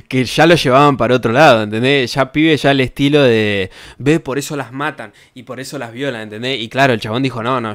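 A man's voice: medium pitch, dry recording, studio quality. A young man from Argentina with a Rioplatense accent, reacting to tweets as a streamer in rambling, sarcastic casual chat, swearing often and laughing at his own jokes. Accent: Rioplatense Spanish.

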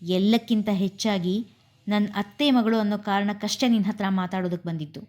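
A woman voicing a hurt young husband who speaks in a low, restrained voice. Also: fairly even intonation, fairly quick, a little mellow, close to an everyday voice.

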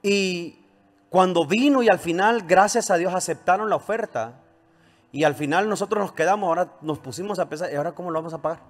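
A man's voice: sits high, brisk. A male pastor preaching a sermon, throwing rising questions to the congregation and calling for amens. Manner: preaching with call-and-response, rising emphatic questions.

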